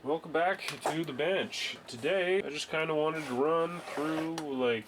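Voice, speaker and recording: A young home reloading hobbyist with a cold-congested voice casually explains his process at a garage workbench, rambling with fillers and restarts. His voice is mid-range, and the background is noisy.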